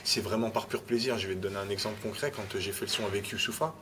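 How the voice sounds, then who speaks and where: A man with a fairly low voice speaks in a relaxed interview, stumbling and restarting lines and dropping "tu vois" between thoughts. Clear background noise sits under the recording. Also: quick pace. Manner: repeats words, restarts phrases, adds "tu vois". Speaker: rapper being interviewed. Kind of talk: casual interview talk.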